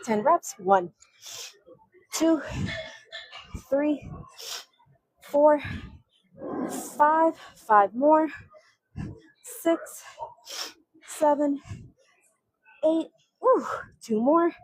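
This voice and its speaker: A woman's voice: high voice, expressive, very slow, pauses often, dry recording, low-quality recording. A young woman vlogging her workout in a gym, out of breath and counting reps with strained grunts. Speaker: fitness vlogger.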